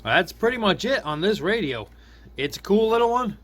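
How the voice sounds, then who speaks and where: Thinking aloud and often chuckling, a male product reviewer runs through an informal gadget demo indoors. His fairly bright voice is high-pitched with big pitch swings, at normal speed. Background noise is clearly present.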